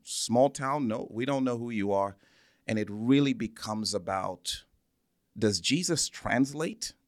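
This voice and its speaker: In a clean, dry studio recording, a man of medium pitch talks in an animated way at a measured pace. He is a church minister from Zambia, guesting on an interview and telling personal stories with earnest repetition for emphasis.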